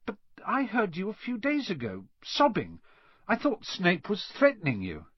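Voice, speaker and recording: A man's voice: high voice, huge pitch swings, normal speed, husky, no echo, voice pushed up, heavily acted. Harry, a man doing a desperate young wizard boy. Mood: urgent. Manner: urgent, blurting. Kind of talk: audiobook character reading. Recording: dull lo-fi dry recording.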